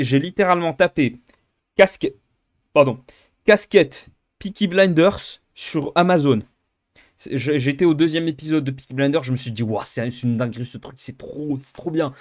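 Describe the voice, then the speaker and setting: A man's voice: mid-range voice, darkish tone. Rambling, self-mocking young man. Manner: rambling, self-mocking, many fillers and restarts. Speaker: YouTuber answering viewer questions. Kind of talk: casual Q&A monologue.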